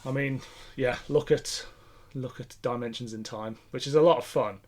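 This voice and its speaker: A man co-hosts a podcast, reviewing a radio play in casual, informal conversation and sharing his opinions. His voice is mid-range and his pace moderate.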